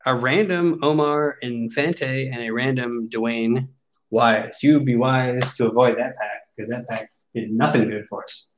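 A man's voice: medium pitch, fairly even intonation, a little slow, a little hiss or hum. A man in his forties talks through opening packs of cards in an easy, chatty way. His voice sits mid-range, and he keeps up a wry, mock-grumbling commentary on each pull. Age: 40s. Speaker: card break host. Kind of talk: casual card-opening commentary.

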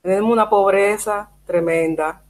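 A woman's voice: mid-range voice, normal speed. A woman from Cuba with a Cuban Spanish accent, a guest telling stories in casual chat over a video call. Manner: animated storytelling, quotes herself.

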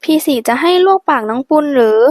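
A woman's voice: high-pitched, lively intonation, a little slow, dry recording, pitched above the performer's own voice. A woman voicing a sulky, teasing young heroine in an audiobook, with pouting, bossy demands. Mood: mock scolding. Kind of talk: audiobook character voice.

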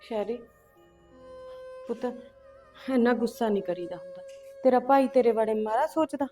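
A middle-aged woman playing a calm village mother who coaxes and soothes her grown children, with faint music behind. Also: a little high, normal speed, close to an everyday voice. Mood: soothing. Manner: calm, coaxing, keeps calling her children "son".

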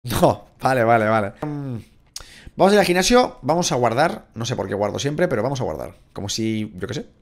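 Young male Spanish-accented gaming host, lively pitch, crude and excitable, swearing through his playthrough commentary. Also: a little fast. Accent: Spain Spanish. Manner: excitable, crude, swears a lot, shouts at the game. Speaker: gaming YouTuber. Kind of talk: casual Let's Play commentary.

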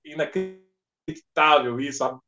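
A man, a podcast guest and event organizer, telling stories in lively fashion and acting out dialogue. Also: fairly high pitch, unhurried, faint music behind. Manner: animated storyteller acting out dialogue. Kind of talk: casual podcast storytelling. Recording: dull lo-fi podcast audio.

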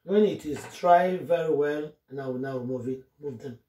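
A woman's voice: sits low, normal speed, mellow. A woman vlogging a cooking tutorial from her home kitchen, chatting through each step to her viewers. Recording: roomy kitchen echo, faint noise.

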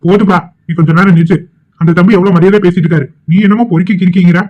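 A man's voice: sits high, fairly even intonation, rapid-fire. A man voicing a stern middle-aged father in a cartoon, scolding and commanding. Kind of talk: cartoon voice acting. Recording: tinny phone-like audio.

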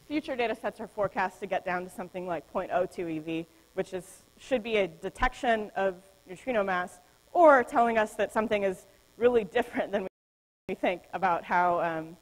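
Woman lecturer, academic talk, halting explanatory delivery with ums, long hall reverb. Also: mid-range voice. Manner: explanatory, frequent ums and self-corrections. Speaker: physics lecturer.

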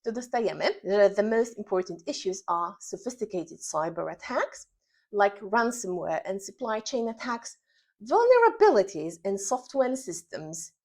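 A woman with a Polish accent teaching an English word in a casual video lesson. She talks in a lively, upbeat way with frequent fillers. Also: medium pitch, measured pace. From Poland.

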